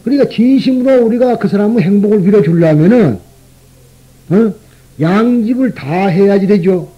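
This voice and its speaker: A man's voice: high-pitched, expressive, normal speed, warm tone, slightly rough, muffled recording. A Buddhist monk from the region, preaching in a conversational way and often tossing rhetorical questions at his listeners. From Gyeongsang region, Korea. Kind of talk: sermon.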